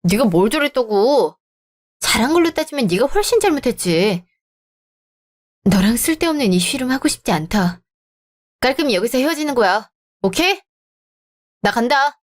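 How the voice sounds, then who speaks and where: A woman's voice: on the high side, sing-song, moderate pace, long pauses. A woman voicing an arrogant, controlling young man who talks down to his fiancée, as part of a radio drama reading. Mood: scornful. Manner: condescending, bullying. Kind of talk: Korean story-channel radio drama reading.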